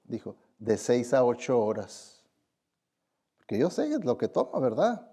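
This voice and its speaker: A man preaches to a live church congregation with a warm, mid-range voice that is sing-song and breathy at the edges, never hurrying. As their pastor, he admonishes them in a conversational sermon, often asking rhetorical questions and adding tags to win their agreement.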